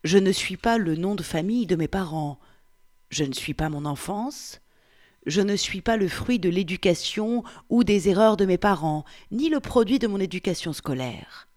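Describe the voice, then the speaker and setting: A woman reading the part of a 47-year-old Frenchman, reciting in a slow, hushed, meditative way. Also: medium pitch, expressive, close to an everyday voice. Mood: contemplative. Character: 47-year-old French man, pondering who he is. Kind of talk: reading a novel aloud.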